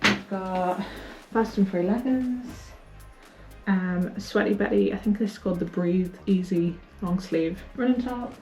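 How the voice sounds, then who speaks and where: A woman's voice: medium pitch, measured pace, a little mellow. A woman chatting casually as she gets ready, in a running vlog. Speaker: running vlogger. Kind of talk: casual get-ready-with-me chat. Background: music.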